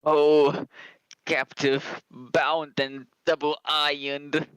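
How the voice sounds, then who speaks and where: A man voicing the mournful ghost of a dead old miser, speaking slowly and gravely in an amateur dramatic reading. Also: a little high, level tone, a bit bright, no echo, rough recording. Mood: lamenting. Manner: slow, grave, lamenting delivery.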